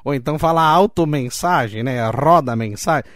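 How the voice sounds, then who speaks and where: A man's voice: medium pitch, moderate pace, no room sound. Chatty Brazilian male podcast host. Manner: chatty, rambling, swearing often, laughing. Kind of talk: casual solo podcast monologue.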